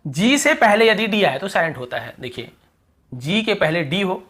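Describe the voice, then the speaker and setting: A man teaching English pronunciation in Hindi to viewers, repeating example words slowly and asking rhetorical questions, often dropping to a quiet voice. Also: high voice, big pitch swings. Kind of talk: explaining pronunciation rules to viewers.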